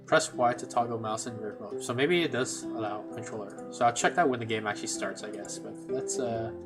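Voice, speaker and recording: Over game music, a gameplay streamer talks fairly quickly in a mid-range male voice. His let's-play commentary is casual and chatty, with lots of restarts as he thinks aloud.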